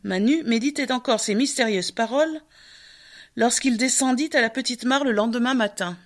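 A woman narrates a fairy tale with a measured, expressive reading. Her voice sits high. Her scripted storytelling pace stays steady.

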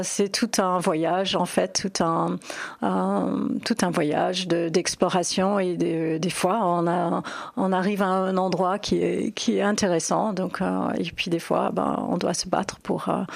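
A woman's voice: medium pitch, gravelly, no room sound. A middle-aged woman from New York with an American accent, speaking French in a radio interview, hesitant with many fillers and restarts. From New York, United States. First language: English. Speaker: painter.

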